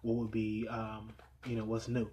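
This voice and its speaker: A man giving a weekly tarot reading in a meditative way, repeating phrases and sometimes dropping to a low, quiet voice. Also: monotone, moderate pace, a little hiss or hum. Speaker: tarot reader.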